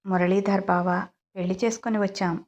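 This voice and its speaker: A woman voicing a shy, bashful young bride who speaks softly. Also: medium pitch, steady tone, fairly quick, natural voice. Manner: soft, bashful.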